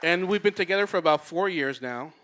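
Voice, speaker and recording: A young man telling a personal story on stage, animated and acting out the people he quotes. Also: brisk, some chatter behind. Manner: animated, acts out quotes with big pitch jumps.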